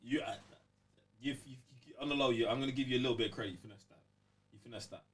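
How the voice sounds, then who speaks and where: A man with a London accent banters as a co-host on a casual gaming podcast, blunt, slangy and exclamatory. His medium-pitched, slightly bright voice races along and is recorded from a distance.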